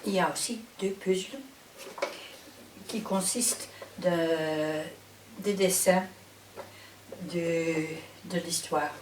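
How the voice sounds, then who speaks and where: A native Dutch-speaking woman with a Flemish accent, presenting an instructional introduction in careful, halting non-native phrasing. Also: lowish voice, fairly even intonation. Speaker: psychotherapist trainer and presenter. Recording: roomy, distant microphone with faint hiss.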